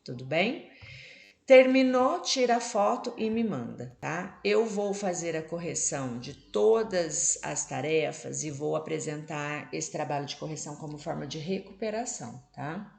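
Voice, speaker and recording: A Brazilian woman teaches a recorded online lesson in a somewhat low voice with a gravelly edge. She explains step by step and keeps checking that her students are following along. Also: lively intonation, a little slow, darkish tone. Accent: Brazilian Portuguese. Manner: explains patiently, checks in constantly. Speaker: English teacher.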